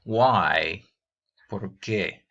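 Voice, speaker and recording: A man's voice: low-pitched, drawn-out words, fairly bright tone. A man teaching English grammar to teenagers, reading each example question and translating it into Spanish. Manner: addresses students as "jóvenes". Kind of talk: bilingual grammar lesson. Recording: dull lo-fi recording.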